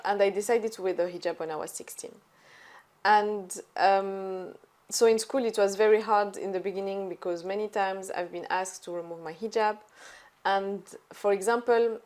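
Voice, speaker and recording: A young woman, speaking as an interview guest. Her talk is chatty and loose, strung together with "so" and "like." Her pitch sits in the middle of the usual range. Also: darkish tone. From born in Algeria, raised in France. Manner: chatty, many "so" and "like" fillers. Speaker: guest, entrepreneur. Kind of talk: casual conversational storytelling.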